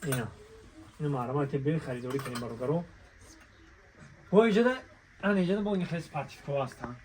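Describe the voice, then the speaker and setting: This shop promoter speaks at a medium pitch with a darkish tone and a Tajik accent, pitching clothing bargains in loose, repetitive merchant patter that beckons people to come, see and buy as he moves through a large clothing shop. The audio quality is poor, and a bustling crowd can be heard all around him.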